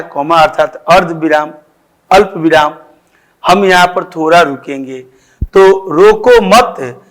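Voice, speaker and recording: Slow, high-voiced man teaching grammar. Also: fairly bright tone. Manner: slow, explanatory, repeats examples with emphasis. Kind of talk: grammar lesson for schoolchildren.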